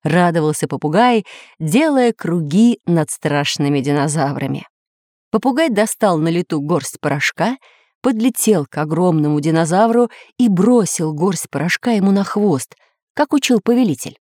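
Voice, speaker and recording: A woman narrates a children's adventure story, her voice low-pitched yet lively in its rise and fall. Her delivery is expressive and measured. The recording is close and dry. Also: dry recording.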